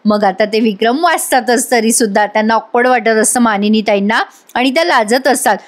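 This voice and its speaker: Female recap narrator: chatty, addresses viewers, a little high-pitched. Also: fairly quick. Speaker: tv serial reviewer. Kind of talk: voice-over episode recap narration.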